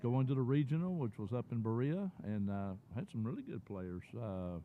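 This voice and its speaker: A man's voice: medium pitch, big pitch swings, normal speed. An older man co-hosting a local sports broadcast in an easygoing, chatty way. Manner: easygoing, reminiscing. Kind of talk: casual sports broadcast chat. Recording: tinny phone-like audio with faint noise.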